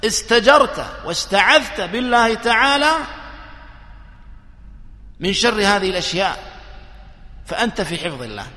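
Man, preacher, bright ringing voice, roomy echo, slow and emphatic sermon. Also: high-pitched. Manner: slow, emphatic, counting points one by one. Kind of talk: religious sermon. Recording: echoey hall with long reverb.

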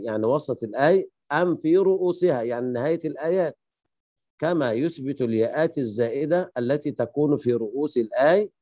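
A man teaching Quran recitation rules, slowing down to chant the quoted verses. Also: mid-range voice, dark tone, no echo, clean studio sound. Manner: slows to chant quoted verses, mixes in Egyptian colloquial asides.

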